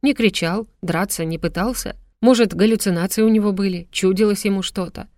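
A woman's voice: mid-range voice, a little fast, a little mellow, no room sound, studio quality, lightly acted. A woman voicing an earnest young female paramedic in an audiobook, questioning and then frightened. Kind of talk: audiobook character voice.

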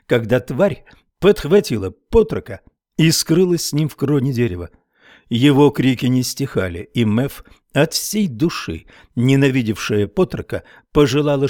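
A man narrating an audiobook in a steady, even storytelling manner. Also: medium pitch, no echo, studio quality.

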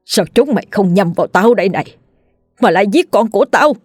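A woman's voice: medium pitch, slow pace, no room sound. A woman voicing an old father crying out in grief and rage at the ghosts who killed his children. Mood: enraged. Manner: wailing, shouting accusations.

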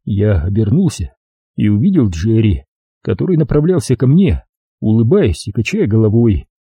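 Guy reading a detective novel, husky dark voice, lively, dry close audiobook sound. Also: on the low side, no echo. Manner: measured, expressive storytelling. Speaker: audiobook narrator. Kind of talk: first-person scripted narration.

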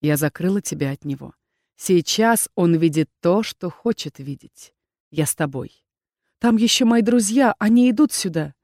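A woman reading an audiobook and voicing a calm female magical reflection that speaks in a low, quiet, soothing way. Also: moderate pace, dry recording, studio quality. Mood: soothing, protective.

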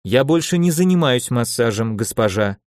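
A defiant young hero, gruff and curt, who snaps back when provoked, as the narrator voices him. His pitch moves a lot, and the sound is dry and close. This is an audiobook fantasy lead. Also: lively intonation, moderate pace, no room sound, natural voice. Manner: curt, growling. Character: defiant young man, gruff, quick to anger.

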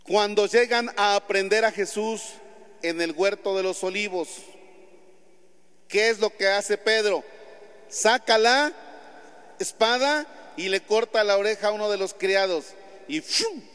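A priest with a Mexican Spanish accent preaching a homily in a church, telling stories with lively acted-out scenes. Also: male voice, high voice, unhurried, pauses often, clean tone. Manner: animated storytelling, acts out scenes. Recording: long church reverb.

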